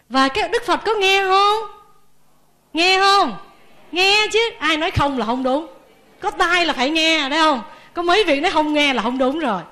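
Woman, Buddhist nun, high voice, lively sermon. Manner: lively, asks the audience questions.

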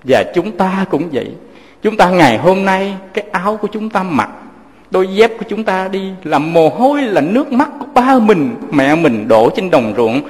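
High-voiced man preaching. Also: sing-song, normal speed, big-room sound. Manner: gentle, addresses listeners as children, tells moving stories. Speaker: Buddhist teacher. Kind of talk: sermon with storytelling.

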